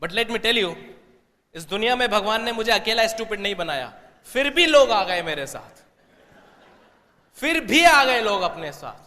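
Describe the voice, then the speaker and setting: A man with an Indian accent telling an animated story as a business seminar speaker, mixing Hindi and English. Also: high-pitched, measured pace, long pauses, big-room sound. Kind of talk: motivational stage talk.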